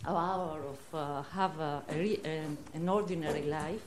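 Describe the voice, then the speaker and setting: A woman's voice: low voice, unhurried, slight background noise. A woman in the audience making a hesitant comment, often searching for words. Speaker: audience member. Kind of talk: spontaneous comment.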